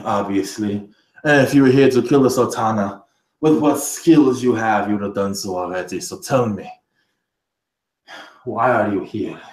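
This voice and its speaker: A man's voice: lowish voice, darkish tone, roomy sound, close to an everyday voice, low-quality recording. A man voicing an anxious, scheming male court vizier who pleads and stammers.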